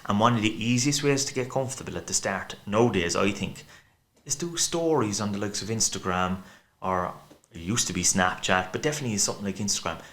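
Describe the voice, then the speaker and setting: Talking quickly with hardly any pauses, a Cork man with a lowish, slightly bright voice guests on a podcast. His thick Irish accent carries a casual, chatty ramble that runs long, and he imitates the voices of people he quotes.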